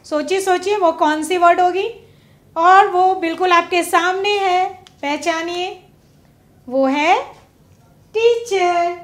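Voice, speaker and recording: High-voiced woman teacher, echoey room. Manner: slow, drawn-out words with questions to the pupils. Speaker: English teacher. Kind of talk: classroom lesson on prefixes and suffixes. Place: broadcast studio classroom.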